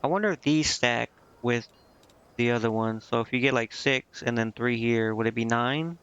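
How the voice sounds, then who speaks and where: Speaking at a normal speed, this male streamer has a medium pitch and a fairly bright tone. He gives relaxed game commentary, wondering aloud and second-guessing himself as he reads through menus. The recording comes through a muffled, lo-fi microphone with noticeable background noise.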